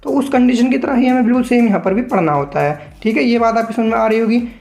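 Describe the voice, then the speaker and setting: Creaky-voiced patient shorthand teacher. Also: mid-range voice, a little mellow. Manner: patient, spells out syllables slowly one by one; addresses learners as friends. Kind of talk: step-by-step tutorial explanation.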